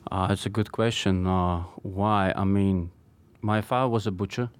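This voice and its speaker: A man from Poland with a Polish accent, a knife maker speaking hesitantly with many pauses in a studio interview. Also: sits low, fairly even intonation, clean tone, dry recording. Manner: hesitant, halting, many ums.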